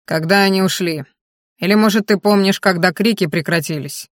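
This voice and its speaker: A woman's voice: mid-range voice, brisk, no room sound, studio quality, close to an everyday voice. A woman reading a stern suspicious gang boss. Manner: curt, demanding, contemptuous. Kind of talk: audiobook character voice.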